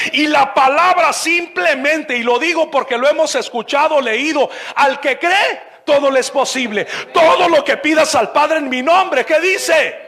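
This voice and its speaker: High-voiced preaching man, bursts of shouting. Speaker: pastor. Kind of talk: sermon.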